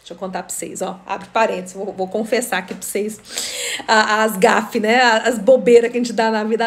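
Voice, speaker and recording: High-voiced, chatty woman. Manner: chatty, laughs often, greets viewers by name. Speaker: host of a live stream. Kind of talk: casual storytelling live stream.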